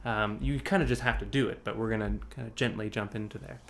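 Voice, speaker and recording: A man's voice: lowish voice, steady tone, fast talker, gravelly, a little hiss or hum. A man teaching an online singing workshop, explaining breath support, with loose, rambling phrasing full of restarts. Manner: demonstrates sighs and sung examples. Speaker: vocal coach. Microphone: video call.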